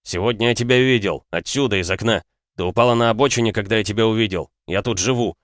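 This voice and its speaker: A resentful ghost of a dead man speaks through a telephone speaker, as a male audiobook narrator puts him on. The voice is low and dry, and it sounds accusing and wounded. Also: fast talker, dry recording. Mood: aggrieved. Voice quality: accusing, aggrieved. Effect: heard over a telephone speaker.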